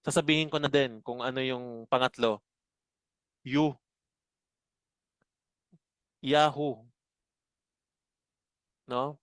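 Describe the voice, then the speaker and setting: A man teaching a Bible study lesson, explaining slowly and asking his listeners rhetorical questions. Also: medium pitch, smooth, no echo. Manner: slow, explanatory, asks rhetorical questions often.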